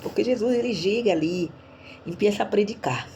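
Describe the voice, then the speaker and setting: A woman's voice: mid-range voice, a little fast, mellow, slight background noise. A woman from Brazil sprinkled words, giving a chatty online church talk and often checking in her listeners. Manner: chatty, tags questions to listeners. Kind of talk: casual sermon talk.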